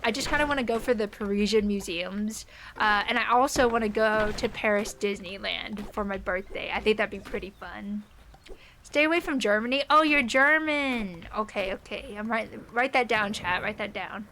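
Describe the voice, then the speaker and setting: A woman's voice: medium pitch, normal speed, fairly bright tone, slight background noise. A young woman streaming from home, chatting with her live audience in a rambling, casual way with lots of fillers. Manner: chatty and rambling, many "like" fillers, light laughs.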